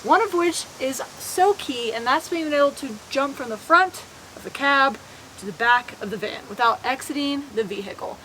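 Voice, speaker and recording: Casting: female vlogger, high voice, chatty tour narration inside a small camper van, clear background noise. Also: animated, normal speed, a bit bright, poor audio. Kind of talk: casual walkthrough narration to camera.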